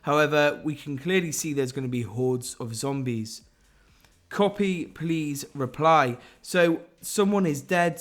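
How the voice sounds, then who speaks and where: An enthusiastic man talks through game leaks in a voice pitched a little above most men's. He speculates freely and speaks straight to his viewers. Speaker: gaming YouTuber.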